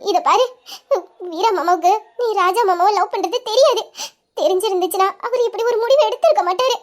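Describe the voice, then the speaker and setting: Woman doing a caring young woman, soothing, coaxing, very high voice, audio drama. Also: a little fast, soft background music. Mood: comforting. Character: caring young woman comforting a crying girl.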